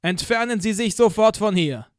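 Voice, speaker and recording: A man voicing a commanding police loudspeaker in an audiobook, stern and loud. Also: high-pitched, moderate pace, clear, resonant tone, no room sound, clean studio sound, pitched above the performer's own voice, lightly acted.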